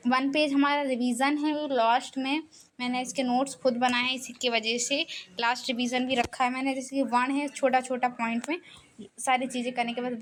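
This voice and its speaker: A woman with a slightly high voice gives an exam revision lesson, checking in with listeners again and again. She slows right down to sound out each letter clearly. A faint background noise sits under the recording. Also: a bit bright. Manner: repeats key terms, says "theek hai" often. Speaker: teacher.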